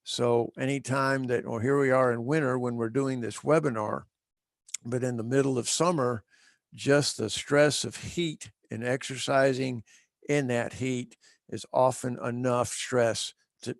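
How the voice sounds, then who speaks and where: Gravelly-voiced man giving a vet webinar. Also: medium pitch, no room sound, clean studio sound. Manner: measured, with frequent fillers and restarts. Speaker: equine veterinarian presenter. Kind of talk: educational webinar talk.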